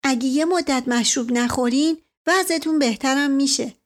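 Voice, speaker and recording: A woman voicing a caring, eager young daughter in an audiobook, speaking in a bright, coaxing way. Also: high voice, voice pushed up, natural voice. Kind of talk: audiobook character voice.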